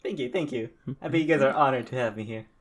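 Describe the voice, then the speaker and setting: A man's voice: mid-range voice, quick pace. A man with a muffled, distant sound, a podcast guest making dry joking asides. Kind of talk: casual podcast chat. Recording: muffled voice, off-mic.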